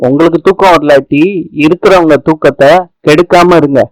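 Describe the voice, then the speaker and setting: A man's voice: a little high, fairly even intonation, moderate pace, no room sound, close to an everyday voice, low-quality recording. A man voicing a quarrelsome young wife, scolding in a dry, close voice. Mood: irritated. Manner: scolding, argumentative. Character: young woman, sharp-tongued quarrelsome wife.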